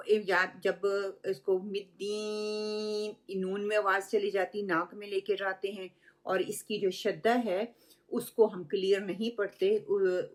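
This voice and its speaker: Woman, recitation teacher, slow unhurried delivery, patient, drawn-out example words. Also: mid-range voice. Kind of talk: step-by-step recitation lesson.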